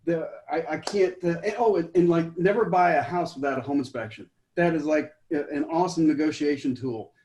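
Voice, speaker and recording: A man's voice: a little high, brisk, hardly any pauses, a little mellow, echoey room. A man who works as a home inspector giving a blunt, enthusiastic panel tip and stumbling over his words. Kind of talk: brief panel introduction and advice.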